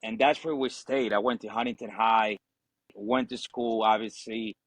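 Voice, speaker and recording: A man with a fairly low pitch and fairly even intonation speaks at a moderate pace, with no echo on the recording. He's an Ecuadorian Marine veteran in his forties, a native Spanish speaker, telling his story informally as a podcast guest. Expect frequent "you know" and "obviously," plus some swearing.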